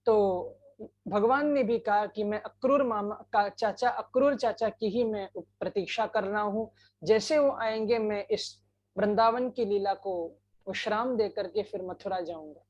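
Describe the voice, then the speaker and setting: A woman narrating a devotional scripture story in an unhurried way, breaking into sung verses. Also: mid-range voice, darkish tone, highs cut off. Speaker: katha storyteller.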